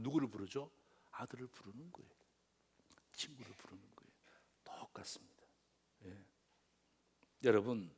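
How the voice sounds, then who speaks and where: Animated male pastor preaching. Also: mid-range voice, breathy edge. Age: middle-aged. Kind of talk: sermon.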